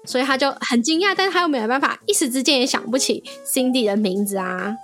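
A young adult woman co-hosting a podcast, telling her part of a story in a brisk, matter-of-fact way. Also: sits high, a bit bright, faint music behind. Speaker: podcast co-host. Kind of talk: casual chat.

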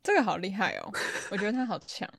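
A woman's voice: medium pitch, wildly swooping pitch, fast talker, gravelly, a bit bright, no echo. A woman with a Taiwanese Mandarin accent, co-hosting a podcast, mostly giving short replies and dry remarks. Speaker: podcast co-host. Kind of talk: casual chat.

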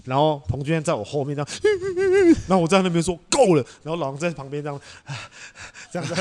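Young male podcast host, Taiwanese Mandarin accent, rapid lively storyteller, slightly high voice. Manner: animated, acts out quoted voices, laughs often. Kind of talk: casual storytelling chat.

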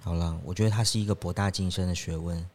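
A Taiwanese-accented man co-hosting a podcast, who talks quickly and teases in a dry way. His voice sits a little low. There is a long reverb in the room around it. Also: steady tone. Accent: Taiwanese Mandarin. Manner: dry, teasing critic. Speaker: podcast co-host. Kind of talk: casual chat.

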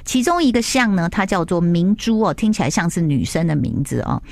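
Animated woman host recapping a drama. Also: fairly low pitch, fairly quick, creaky, no echo. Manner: animated storytelling, acts out quotes. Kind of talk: casual chat.

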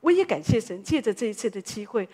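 A woman pastor, preaching a sermon as a lively story full of exclamations. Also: on the high side, fast, slightly rough.

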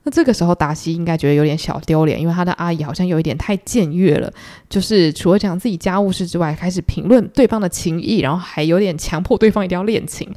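A young woman retells a novel on her solo book podcast. She chats at a brisk clip, adding her own commentary. Her voice is mellow, warm and a little low. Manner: chatty, animated commentary. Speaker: podcast host.

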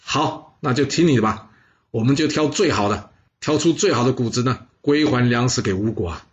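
A man's voice: mid-range voice, normal speed, lo-fi sound, lightly acted. A man voicing a wary, calculating vassal king in a storytelling recording, talking in a doubtful, questioning way.

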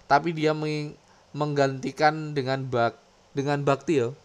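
A man's voice: fairly high pitch, unhurried. A man hosting a casual podcast. He reads comic panels aloud, gets worked up and swears a lot. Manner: excitable, swears often, slips into dramatic readings. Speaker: podcast host.

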